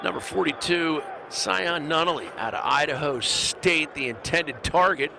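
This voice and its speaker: A man doing brisk, upbeat play-by-play commentary of a live football game from a stadium booth. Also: a little high, animated, sharp tone. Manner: brisk, upbeat calling of plays. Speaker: play-by-play announcer. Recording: broadcast mix with clear stadium noise.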